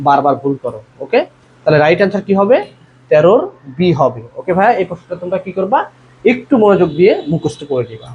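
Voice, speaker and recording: A man's voice: sits high, big pitch swings, fast, darkish tone. A male admission tutor leading a live online class, reading out students' answers from the comments and asking the group to reply. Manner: calls students "bhaiya", reads out viewers' comment answers. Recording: dull lo-fi sound with faint noise.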